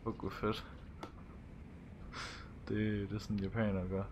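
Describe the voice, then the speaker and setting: A young man with a fairly low voice chats loosely over a live game stream, swearing and laughing between lines he reads aloud. A faint hiss sits under the recording. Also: little pitch movement. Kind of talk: casual live game commentary.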